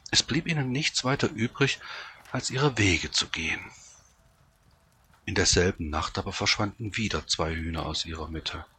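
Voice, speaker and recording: A deep male voice reads a fairy tale aloud with measured, expressive pacing. The tone is heavily husky yet bright and forceful in its attack. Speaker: storyteller.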